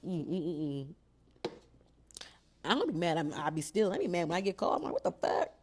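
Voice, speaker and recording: A woman's voice: on the low side, big pitch swings, fairly quick, slightly rough. A woman reading a novel aloud and breaking off for casual, profane reactions. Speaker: book reader and reactor.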